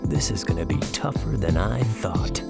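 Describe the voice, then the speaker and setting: Gruff echidna tough guy, fairly low voice, grumbling, slightly befuddled, cartoonish game acting, loud music. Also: expressive, moderate pace, heavily acted. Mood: puzzled, musing.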